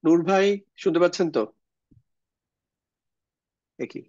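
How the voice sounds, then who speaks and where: A man's voice: a little high, slow, darkish tone, no echo, lo-fi sound. A man teaching an online grammar class, explaining step by step and often checking whether the students follow. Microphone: video call.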